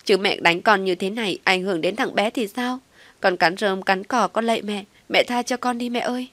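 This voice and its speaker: A woman's voice: medium pitch, moderate pace, fairly bright tone, no room sound, pitched above the performer's own voice, natural voice. Woman playing a scheming young wife. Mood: pleading. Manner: defiant, then whiny begging. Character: scheming young pregnant wife, sharp-tongued.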